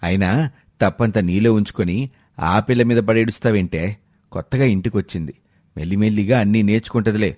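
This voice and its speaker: A man voicing a good-humoured middle-aged father-in-law who speaks gently and teases his wife, in a storybook. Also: on the low side, fast, no room sound, studio quality, lightly acted. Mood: teasing. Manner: gentle, mildly teasing. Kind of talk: storybook voice acting.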